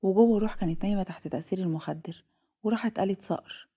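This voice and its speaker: A woman's voice: mid-range voice, mellow, breathy edge. A woman with an Egyptian Arabic accent narrating a dramatic story. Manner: rapid, plain reading.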